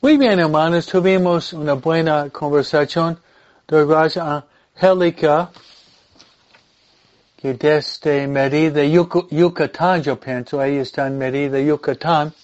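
Slow-speaking male priest with English-accented Spanish. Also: fairly high pitch, a little mellow, highs cut off. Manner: deliberate, halting delivery with repeated phrases. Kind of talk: informal religious talk and blessing.

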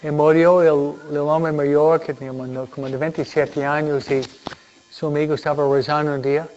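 A man's voice: fairly high pitch, flat delivery, moderate pace, darkish tone, a little hiss or hum. A male priest giving a humorous homily, full of jokes, laughing often and checking in with his listeners by asking "¿no?". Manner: chatty, laughing, frequent tag questions. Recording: dull lo-fi recording.

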